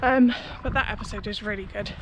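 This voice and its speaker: In a mid-range, steady voice at a fairly quick pace, a young woman running vlogger chats with her audience, hedging as she goes. The clip was recorded outdoors by a busy city road, with passing traffic and street noise audible.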